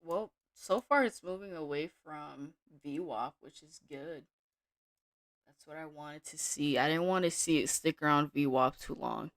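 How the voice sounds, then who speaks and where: A woman day trader giving casual live-stream commentary from her home desk, thinking aloud in a relaxed way with small restarts. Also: sits low, unhurried, no room sound, clean studio sound.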